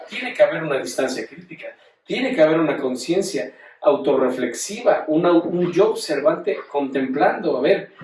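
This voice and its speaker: Mexican male teacher, slightly high voice, chatty lecture, recorded from across an echoey room. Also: a little mellow, a little hiss or hum. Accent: Mexican Spanish. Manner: conversational, explaining with tag questions. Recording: echoey room, mic at a distance.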